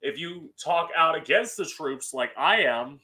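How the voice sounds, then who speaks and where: A man's voice: fairly high pitch, expressive, unhurried, pushed and bright. A man with a campy drag queen delivery, giving an emphatic, opinionated monologue as host into a close studio mic. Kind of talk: solo opinion monologue to camera. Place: small room at home, indoors. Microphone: close studio mic on boom arm with pop filter.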